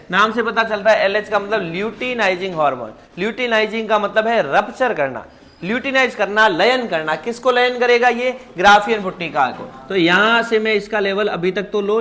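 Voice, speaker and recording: A man's voice: high-pitched, pushed and bright. A man giving a biology class lecture, quizzing his students with constant questions and calling them "child". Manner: calls students "child" affectionately. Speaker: biology teacher.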